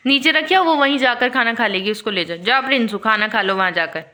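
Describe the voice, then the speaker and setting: A woman filming a family vlog at home, gently telling her small child what to do. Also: fairly high pitch, brisk. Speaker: family vlogger and mother. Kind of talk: casual home vlog talk. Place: home indoors.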